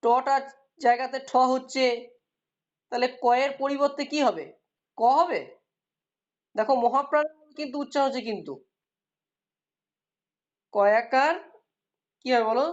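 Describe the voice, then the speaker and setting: In a classroom, a woman teacher explains things patiently, asks her students questions and praises their answers. Her voice is slightly high and unhurried, with long pauses, and the recording sounds dull and lo-fi.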